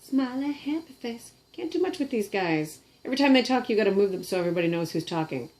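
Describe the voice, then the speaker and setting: A woman's voice: mid-range voice, sing-song, very fast, darkish tone. A middle-aged woman with a Canadian accent, chatting casually and giggling as she shows off her puppets at her kitchen table. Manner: chatty, giggly, self-deprecating. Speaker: puppeteer and vlogger. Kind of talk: casual show-and-tell chat.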